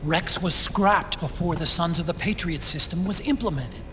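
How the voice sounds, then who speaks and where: A man's voice: a little high, moderate pace, background noise, close to an everyday voice. A man playing an anxious, intellectual tech-expert sidekick in a video game. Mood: alert, concerned. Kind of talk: video game cutscene dialogue.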